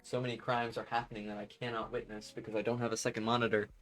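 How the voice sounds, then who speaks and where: A man's voice: lowish voice, level tone, fast talker, a bit bright, faint music behind. A young adult man streaming live, chatting casually with his audience in a rambling way and laughing often.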